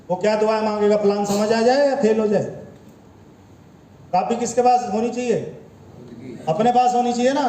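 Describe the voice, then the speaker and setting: Male business trainer, high and mellow voice, lecturing style with rhetorical questions, recorded in an echoey room. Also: slight background noise. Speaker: network marketing trainer. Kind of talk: motivational training talk. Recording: echoey room with faint ambience.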